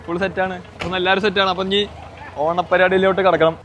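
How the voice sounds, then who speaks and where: A man with a hoarse, strained voice, hosting a casual family vlog and teasing relatives along. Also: high-pitched, level tone, very fast, heavy background noise. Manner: playful, teasing, eggs people on. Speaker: vlogger host.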